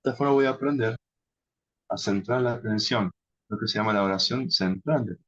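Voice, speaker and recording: A man teaching contemplative prayer in an unhurried, halting way, often adding a questioning tag. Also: fairly low pitch, a bit bright, dry recording. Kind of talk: instructional talk on contemplative prayer. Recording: dull lo-fi sound.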